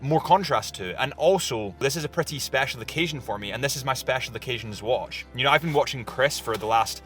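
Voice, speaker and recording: A man's voice: mid-range voice, fairly quick, fairly bright tone, faint music behind. A man hosting a casual travel vlog outdoors in the snow, chatty and enthusiastic, laughing often. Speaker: host. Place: outdoors in snowy, cold landscape.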